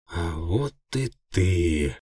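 A man's voice: low-pitched, lively intonation, drawn-out words, dark tone, slightly rough, no room sound, studio quality, distant mic, exaggerated voice. A man voicing a spiteful crippled villain who hisses and gloats, in an audiobook. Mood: gloating. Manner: hissing, gloating.

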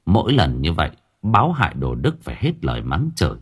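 A man narrating an audiobook story in an expressive storytelling manner. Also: extremely low pitch, brisk, breathy edge. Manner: expressive, swinging voice for drama.

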